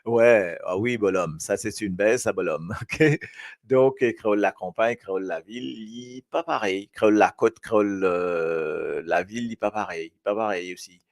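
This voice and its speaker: A man from Mauritius, hosting a live show and reading viewers' comments aloud in a lively, chatty way. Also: lowish voice, normal speed. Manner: lively, switching between French and Creole, reading comments aloud. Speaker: host.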